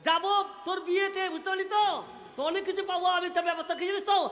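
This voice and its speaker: An actor playing a greedy village brother-in-law, gruff and laughing, in a live stage comedy. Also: male voice, very high voice, flat delivery, very fast, a bit bright, soft background music.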